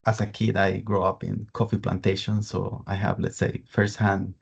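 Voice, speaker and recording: Gravelly Costa Rican man on a webinar. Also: lowish voice, completely flat delivery, moderate pace. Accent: Costa Rican Spanish. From Costa Rica. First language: Spanish. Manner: earnest, with repeated words and restarts. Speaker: sustainability lead at a coffee importer. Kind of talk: webinar panel introduction. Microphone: video call. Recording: dull lo-fi video call audio.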